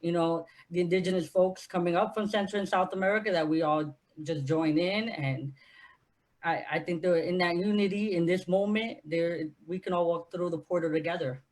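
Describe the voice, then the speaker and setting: A woman's voice: lowish voice, moderate pace, a little mellow. Earnest woman from Honduras, panel organizer. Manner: earnest, impassioned advocacy. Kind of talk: panel discussion.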